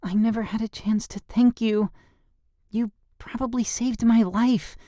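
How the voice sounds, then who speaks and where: An audiobook narrator voicing a lively, blunt teenage girl who exclaims and teases. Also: medium pitch, measured pace, no room sound, clean studio sound, voice pushed up, lightly acted. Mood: earnest. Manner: bubbly, exclaiming.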